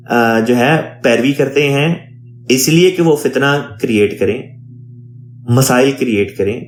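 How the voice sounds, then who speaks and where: A man, an imam, teaching a Quran translation lesson, reading Arabic phrases and explaining each one in a measured teaching tone. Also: medium pitch, reverberant.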